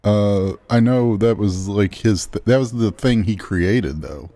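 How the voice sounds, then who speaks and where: A man's voice: fairly low pitch, warm tone. A man co-hosting a podcast, chatting casually and rambling a little while he draws. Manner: slow, rambling, self-deprecating. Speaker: podcast co-host and artist. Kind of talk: casual chat while drawing.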